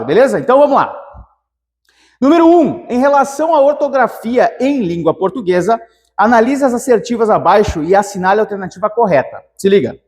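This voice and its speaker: A high-voiced man leads an exam-prep grammar lesson. He is lively and animated and talks straight to his students. The recording has a long reverb. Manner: lively, animated, calls viewers "meu querido". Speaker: teacher.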